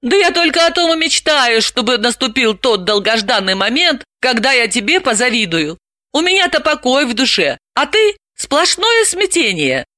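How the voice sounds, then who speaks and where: A woman voicing a weary calm psychologist. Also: high voice, dry recording, studio quality, pitched above the performer's own voice, exaggerated voice. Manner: tired, measured, wry. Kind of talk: audiobook character reading.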